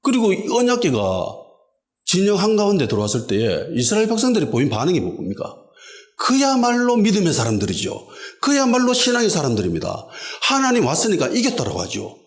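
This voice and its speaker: A pastor delivers an expository sermon. He is emphatic and animated, with a lively, swinging pitch, and repeats key lines to drive them home. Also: a little fast. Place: church in a basement hall.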